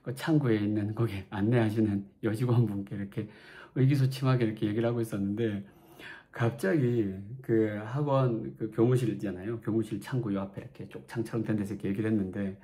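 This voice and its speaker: A man's voice: fairly low pitch, fairly even intonation, brisk, mellow. A man from Daegu with a Gyeongsang accent, chattily telling his own story as a channel host, with self-mocking asides. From Daegu, South Korea. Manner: chatty, self-mocking, acts out quoted lines. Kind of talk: storytelling vlog.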